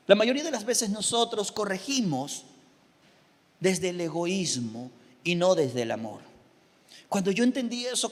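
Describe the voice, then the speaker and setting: A pastor preaching a lively sermon, repeating phrases for emphasis and asking the congregation questions. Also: male voice, high voice, long reverb tail. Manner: animated preaching with repetitions and rhetorical questions.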